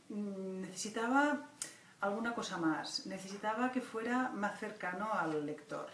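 A woman, a children's book author and illustrator, reflecting thoughtfully in an interview, halting often with "ah" fillers. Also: mid-range voice. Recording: roomy distant mic with faint noise.

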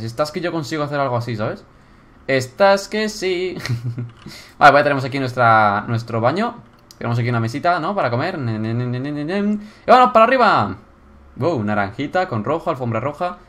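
Excitable young man with a Spain Spanish accent. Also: medium pitch. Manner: excitable, bursts into loud exclamations. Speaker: YouTuber touring viewer builds. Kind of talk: casual gameplay commentary.

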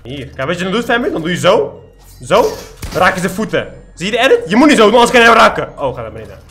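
A man's voice: sits high, sing-song, fast, fairly bright tone. A young man giving boastful, trash-talking commentary over his own gameplay. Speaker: gaming YouTuber.

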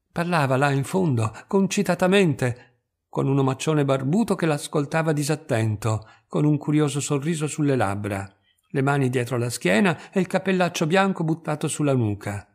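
Guy reading a short story out loud, steady even pace. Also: medium pitch, normal speed. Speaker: reader. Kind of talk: scripted narration of a literary story.

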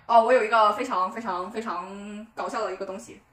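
A young woman hosting casually in an animated, giggly way, recorded in a living room. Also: medium pitch, brisk. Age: young adult. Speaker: host of a prank-call game. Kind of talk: casual vlog chat. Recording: roomy, distant camera mic.

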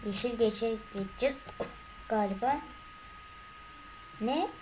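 A woman's voice: on the high side, slow, background noise. A young woman commenting on her gameplay as a gaming YouTuber, talking to her viewers and getting more and more frustrated. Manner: increasingly frustrated, exclaiming.

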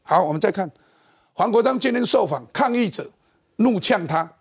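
With a high voice that has a breathy edge, this middle-aged Taiwanese Mandarin-accented host moves at a moderate pace. His political talk-show commentary is lively and scornful.

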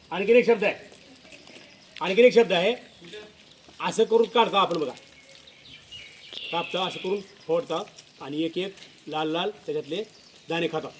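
A man's voice: high-pitched, a little slow, pauses often, fairly bright tone, a little hiss or hum. Man teaching, coaxing children with questions. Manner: repetitive questioning, coaxing pupils with filler prompts. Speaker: school teacher. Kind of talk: classroom lesson to children.

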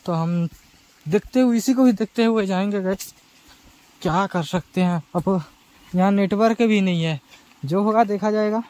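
A high-pitched man from Chhattisgarh, sounding tired, vlogs chattily to "guys" while cycling rural roads and trekking a forest trail on a body-worn camera. He speaks at a moderate pace with frequent pauses and a darkish tone, and the recording is rough.

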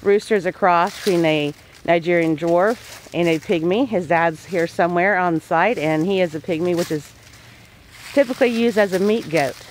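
A woman's voice: on the low side, moderate pace, a little hiss or hum, rough recording. A woman homesteader giving a casual voice-over, plain-spoken and folksy with homey farm phrasing.

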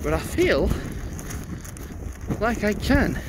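A man with a fairly high voice and an unhurried pace, chatting as he walks outdoors. He thinks aloud and reads signs out as he goes. Loud wind buffets the mic throughout. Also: very animated. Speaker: vlogger. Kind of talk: casual walking vlog narration. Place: outdoors on snowy paths by a stadium.

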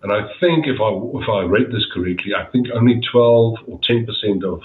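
The casual interview continues with this middle-aged man, whose Afrikaans accent colours his rambling, repetitive replies. This time he sounds brisk, his voice sitting on the low side. His headset audio from the dim home room is tinny and echoes.

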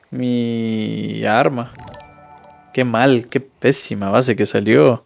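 A young Ecuadorian streamer gives casual live commentary while playing a mobile game, chatting with viewers and reading their messages aloud. His mid-range voice is gravelly with a darkish tone.

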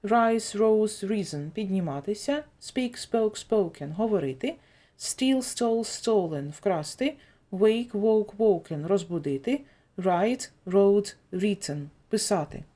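A woman teaching an English vocabulary lesson, slowly reciting each word's forms and then giving its meaning. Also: medium pitch, expressive, dark tone. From Ukraine. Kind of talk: slow dictation-style vocabulary lesson.

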